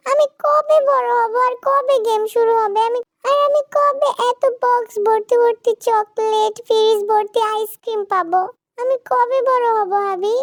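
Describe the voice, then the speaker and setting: A woman's voice: very high-pitched, measured pace, no room sound, clean studio sound, voice pushed up. A woman voicing a naive, chatty little girl bride in a storybook drama, asking question after question in a whiny tone. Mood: pestering.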